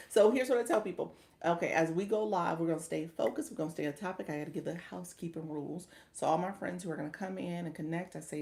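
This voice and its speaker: A woman's voice: low-pitched, gravelly, darkish tone. A woman from Chicago hosting a casual livestream, upbeat and thanking viewers, calling them friend. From Chicago, US Midwest. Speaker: livestream coach and host. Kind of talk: casual livestream chat reading viewer comments.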